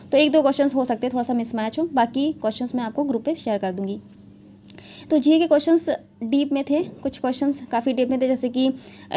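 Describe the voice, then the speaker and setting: A young woman with a fairly high voice explains exam questions in a relaxed, chatty way. She keeps checking in with her viewers and slips English words into her Hindi. A faint hiss sits under her voice. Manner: chatty, repeats "theek hai" often, mixes English into Hindi. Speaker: exam prep educator. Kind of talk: casual exam analysis talk.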